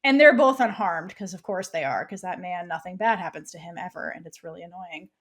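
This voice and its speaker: Here a woman co-hosts a podcast and casually goes back over a TV episode, voicing the characters' lines herself. She speaks fairly quickly, in a fairly low register with a fairly bright tone.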